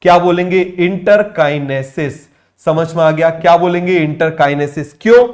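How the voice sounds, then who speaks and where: A man's voice: fairly high pitch, steady tone, a little fast, a little mellow. Man drilling students with repeated questions. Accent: Indian English terms within Hindi speech. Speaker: biology teacher. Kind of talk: exam-prep lecture.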